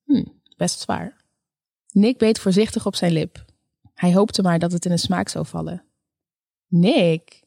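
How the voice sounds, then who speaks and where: Calm woman narrating a story. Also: on the low side, moderate pace, vocal fry, dry recording, clean studio sound. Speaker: audiobook narrator. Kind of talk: scripted narration.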